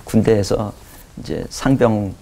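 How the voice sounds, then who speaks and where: Gravelly, mellow-voiced man in his 50s. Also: on the low side, measured pace, slight background noise. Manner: earnest storytelling, acting out his own past prayers. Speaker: pastor, guest. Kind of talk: testimony in a talk-show interview.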